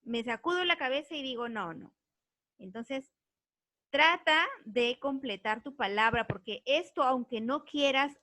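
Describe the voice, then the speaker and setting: Woman, language teacher, higher register, dry sound, patient explaining tone. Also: pushed and bright, no room sound. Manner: earnest, explains patiently, checks understanding with frequent tag questions. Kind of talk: recorded online grammar lesson.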